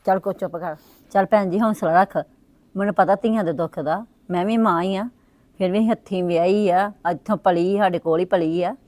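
An actress playing a blunt middle-aged village wife who talks quickly and reproachfully, in a web series drama. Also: female voice, on the low side, fairly even intonation, a little mellow, no room sound, close to an everyday voice. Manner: fast, reproachful, then muttering asides. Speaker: Sukhwinder, sister-in-law.

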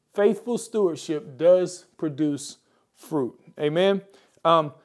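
An American pastor delivers a mid-week church sermon with prayer and scripture, exhorting viewers directly and repeating key phrases for emphasis. His voice sits high and sounds a little mellow.

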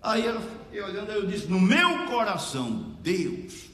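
A male preacher telling a story in a sermon, animated and emotional, in a church hall. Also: sits high, normal speed. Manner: animated, rises into emotional emphasis. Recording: echoey hall, faint background noise.

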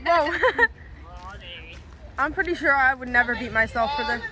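A woman's voice: high-pitched, a little slow, a crowd in the background, rough recording. A young woman chatting casually to viewers in a rambling, exclamatory way, often repeating herself, recorded on a handheld phone. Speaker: vlogger. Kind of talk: casual vlog chat to viewers. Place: outdoors by a backyard pool and on a street. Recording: outdoor phone recording with lively group background.

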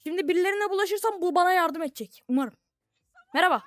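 A young woman from Turkey giving casual, playful commentary on a virtual reality game, taunting the characters in mock-friendly tones with sudden bursts of shouting. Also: very high voice, fast talker, no echo. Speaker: gaming streamer.

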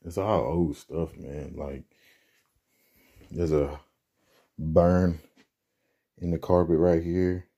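Slow, deep-voiced laid-back young man. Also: steady tone, mellow. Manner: laid-back, rambling with slang and restarts. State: out of breath from moving furniture. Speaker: vlogger. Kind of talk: casual vlog chat. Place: apartment bedroom, indoors.

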